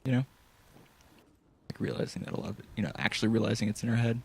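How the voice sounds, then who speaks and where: A man's voice: lowish voice, fast, gravelly, breathy edge. A man doing casual let's play commentary, musing and thinking aloud as he goes. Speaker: gaming commentator.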